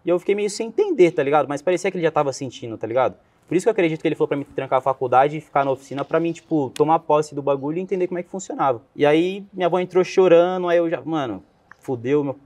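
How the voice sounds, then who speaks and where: A man's voice: a little high, very fast, few pauses, a little mellow. A young man with a Brazilian accent, telling a personal story as a guest in casual, slangy speech, often quoting himself. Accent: Brazilian Portuguese. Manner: slangy, rambling, quotes himself a lot.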